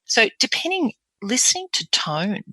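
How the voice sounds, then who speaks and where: A woman's voice: fairly high pitch, big pitch swings, normal speed, sharp tone, no echo. A woman talking as a voice coach guest in a podcast interview, earnest and explanatory, often demonstrating example voices.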